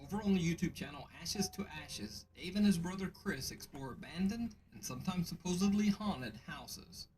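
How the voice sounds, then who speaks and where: A man giving scripted narration of creepy stories in a measured, hushed storytelling delivery. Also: sits high, lively intonation, slight background noise, rough recording. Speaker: narrator of a scary video countdown.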